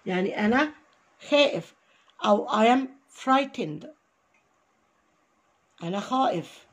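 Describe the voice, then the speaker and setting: An Egyptian woman teaching an online English lesson, repeating each English phrase slowly and then translating it. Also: a little high, expressive. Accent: Egyptian Arabic.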